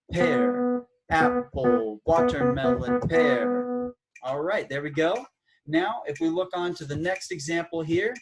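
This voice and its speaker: A man giving a casual, slightly awkward music lesson who counts beats aloud as he explains. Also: fairly high pitch. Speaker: music teacher.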